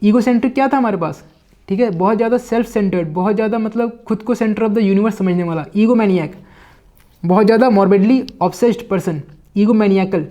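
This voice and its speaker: A man with an Indian English accent teaching vocabulary, reading English lines slowly and then explaining in Hindi with many fillers. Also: sits high, dark tone. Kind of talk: Hindi-English lesson explaining a book line by line.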